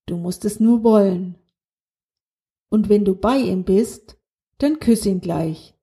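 A woman's voice: mid-range voice, slow pace, warm tone. A woman voicing a small, cheeky talking snail in a children's audiobook, teasing and matter-of-fact.

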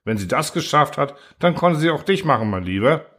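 A man voicing a sly, gleeful male robot constructor who mocks and coaxes in a raised, lively voice. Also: fairly high pitch, a little fast, pitched above the performer's own voice. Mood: gloating. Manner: mocking, cheerful cruelty.

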